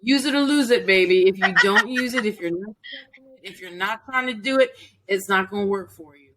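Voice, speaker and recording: A woman's voice: mid-range voice, fairly quick, crowd noise. A middle-aged woman hosting a casual interview, chatty, repeating phrases and laughing easily. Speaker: host.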